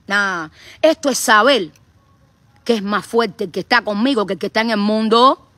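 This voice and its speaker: A woman's voice: medium pitch, moderate pace, fairly bright tone, dry recording. A middle-aged woman from Cuba with a Cuban accent, giving an impassioned live stream as an activist streamer. She speaks in a fiery, repetitive, preacher-like way.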